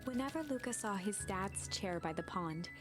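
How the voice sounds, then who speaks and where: A woman's voice: medium pitch, animated, moderate pace, close to an everyday voice. A woman reading scripted storybook narration for a video game. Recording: music behind the voice. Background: game music.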